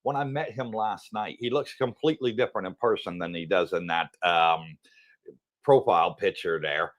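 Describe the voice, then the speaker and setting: A man's voice: deep voice, moderate pace. A man from the United States co-hosting a casual livestream, chatting and telling stories with frequent laughs. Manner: chatty storyteller, laughs often. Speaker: livestream co-host.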